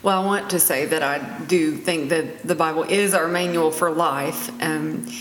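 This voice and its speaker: Female counselor-host, slightly low voice, conversational religious talk, reverberant recording. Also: fairly even intonation, normal speed. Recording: echoey room, long reverb, faint noise.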